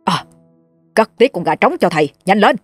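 A woman's voice: medium pitch, lively intonation, normal speed, soft background music, lightly acted. A woman voicing a bossy old male village sorcerer who barks orders and scolds. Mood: gruff commanding.

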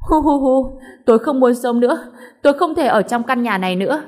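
A woman's voice: mid-range voice, normal speed, close to an everyday voice. A woman voicing a scheming older mother-in-law who shrieks, wails and curses. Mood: wailing. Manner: shrieking, wailing and cursing.

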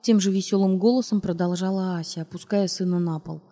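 Mellow, husky woman narrating a novel. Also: fairly low pitch, brisk. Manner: expressive, acts out dialogue. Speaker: audiobook narrator. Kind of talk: literary audiobook reading.

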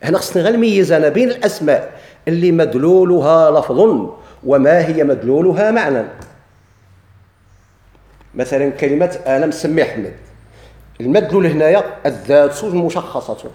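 A man's voice: on the high side, expressive, brisk, long pauses, dark tone, reverberant. A man with a Moroccan Arabic accent teaching a grammar lesson. He keeps posing questions and answering them himself.

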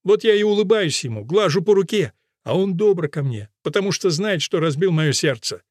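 A wistful, pleading middle-aged village woman from a storybook, voiced by a male reader in a raised, lighter pitch. Her lines sound earnest and confessional. The recording is close and dry. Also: expressive, moderate pace, dry recording.

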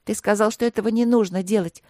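A woman voicing a cheeky, chatty young princess in an audiobook, teasing and quick to chatter. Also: mid-range voice, steady tone, mellow, no echo, pitched above the performer's own voice, close to an everyday voice. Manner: bubbly, teasing, rapid chatter. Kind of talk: audiobook character voice.

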